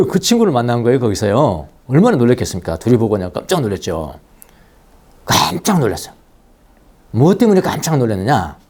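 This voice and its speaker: A man's voice: medium pitch, huge pitch swings, a little fast, a little mellow, breathy edge. A middle-aged man preaching a Sunday sermon in a church, telling stories with chuckles and repeating key phrases. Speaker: pastor. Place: church sanctuary.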